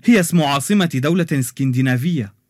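An encouraging quiz master from a children's radio drama, played by a man. His voice is slightly high and swings up and down with lively energy. The sound is dry and close. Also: fast, no echo, lightly acted.

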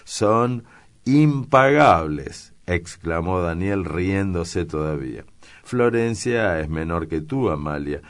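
A man with a very deep voice reading the part of a witty young man who teases his friends, in a bantering, mischievous manner. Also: a little slow. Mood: teasing.

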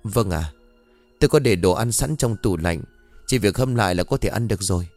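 A loyal, fussy middle-aged maid, voiced by a male storyteller, chiding and reassuring in a low voice. The recording is dry and close, with soft music behind. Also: expressive, brisk, dry recording. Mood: fussing, reassuring.

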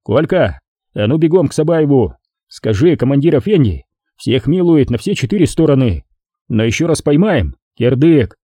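Guy doing a gruff partisan commander, dark and husky, barking orders. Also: mid-range voice, big pitch swings, normal speed, dry recording, clean studio sound. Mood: gruff commanding. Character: gruff middle-aged male partisan commander.

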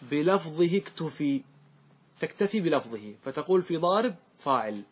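A man with a fairly high, very animated, slightly breathy voice teaches a grammar lesson in a classroom at a moderate pace. He quizzes his students and drills them in call-and-response, getting them to answer back.

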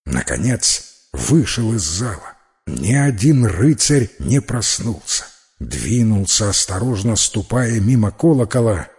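A man narrating a fairy tale as an audiobook, in slow, even storytelling. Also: lowish voice.

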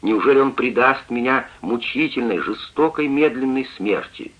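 A tender young daughter begs and implores, as a male reader puts her on in a raised, lively voice that is a little husky. The radio-play audiobook sounds dull and lo-fi. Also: mid-range voice, moderate pace, voice pushed up, lightly acted. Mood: pleading. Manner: imploring, tender, tearful pleading. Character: young woman, a pleading loving daughter.

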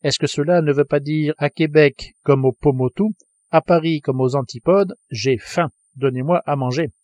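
A man's voice: on the high side, moderate pace, a little mellow, no echo, close to an everyday voice. A man playing an explosive, indignant harpooner. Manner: exclaiming, indignant outbursts. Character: hot-tempered adult male harpooner, loud and indignant.

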